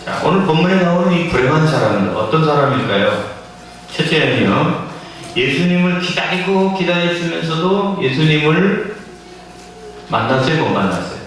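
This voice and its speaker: A man's voice: a little high, very animated, normal speed, a bit bright, distant mic, slight background noise. A male pastor preaching a Christmas sermon in a church, emphatic and full of rhetorical questions to the congregation. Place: church sanctuary. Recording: echoey church hall from afar.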